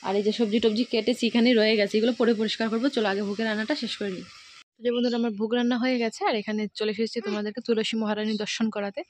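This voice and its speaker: Racing along in a high voice with little pitch movement, a woman from Assam narrates a casual home vlog around her village kitchen and yard, treating viewers like friends. She has a Sylheti-influenced Bengali accent, and there is slight background noise.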